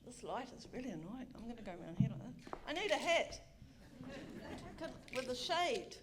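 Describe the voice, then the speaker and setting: A woman's voice: fairly high pitch, big pitch swings, normal speed, a crowd in the background, noisy background. Bawdy New woman telling a story. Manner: frank, bawdy and self-mocking, with chatty asides. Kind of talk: live comic storytelling. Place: theatre stage.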